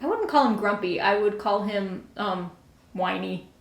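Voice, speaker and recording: A woman's voice: mid-range voice, animated, creaky. Frank, opinionated woman co-host in echo. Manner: frank, opinionated, quick to agree. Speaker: podcast co-host. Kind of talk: casual chat. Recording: roomy echo.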